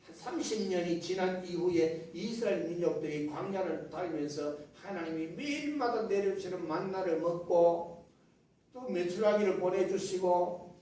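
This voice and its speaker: A man preaching a Sunday sermon as pastor, telling scripture stories in a lively way and asking the congregation questions he then answers himself. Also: sits high, normal speed. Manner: lively storytelling retelling of scripture. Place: church sanctuary. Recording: very echoey church hall, mic at a distance.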